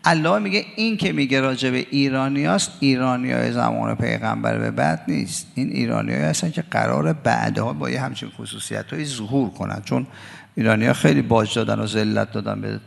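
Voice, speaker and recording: A man giving a religious lecture on Quran verses, reciting Arabic verses slowly and mimicking others' voices mockingly. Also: medium pitch. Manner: gravelly, mocking voices when quoting others. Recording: long hall reverb.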